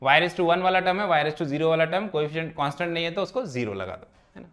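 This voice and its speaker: High, bright-voiced male math teacher. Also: animated, fast talker. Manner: keeps asking checking questions. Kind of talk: classroom lesson explanation.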